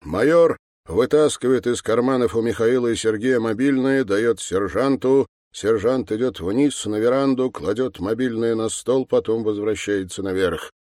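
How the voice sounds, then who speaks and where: A man narrating an audiobook in a matter-of-fact, measured way. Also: mid-range voice, darkish tone, no echo, studio quality.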